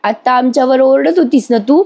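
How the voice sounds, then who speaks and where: A woman voicing a blunt, loud older village woman who talks in a brash, scolding way. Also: high voice, a little fast, creaky, voice pushed up.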